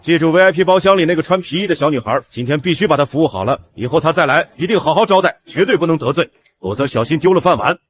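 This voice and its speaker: An actor playing a brisk, stern club staffer. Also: male voice, a little high, expressive, lightly acted. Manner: polite to guests, stern to staff. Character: brisk male club staffer giving orders. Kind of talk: short drama acting.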